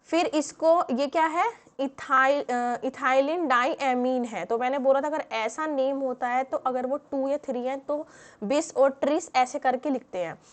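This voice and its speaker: Brief: female chemistry teacher, high voice, patient step-by-step lecture full of "ठीक है" checks. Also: measured pace. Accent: Hindi-English mix. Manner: explains step by step with many fillers and rhetorical questions. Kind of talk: classroom lecture.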